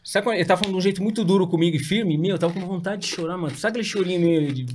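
A man rattles off his story at a rapid clip as a guest in a relaxed interview. His voice sits a little high for a man. He talks in slangy, self-mocking bursts full of fillers. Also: slight background noise. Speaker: guest entrepreneur.

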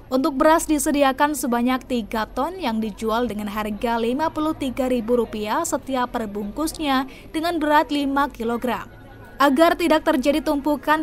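A woman reading a scripted local television news report in a formal, even newsreader manner. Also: high-pitched. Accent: Indonesian. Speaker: news presenter.

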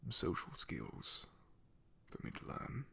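Here the knight he plays is awkward and hesitant: a man's hushed, gravelly, breathy voice for a shy, loyal, soft-spoken character in an ASMR fantasy roleplay, speaking in a halting way.

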